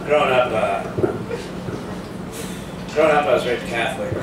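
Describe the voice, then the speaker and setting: At an open mic comedy night in a small indoor cafe, a man in his twenties rants through a live stand-up set, profane and incredulous. His voice is mid-range and his speed normal. A distant mic picks him up in an echoey, noisy room.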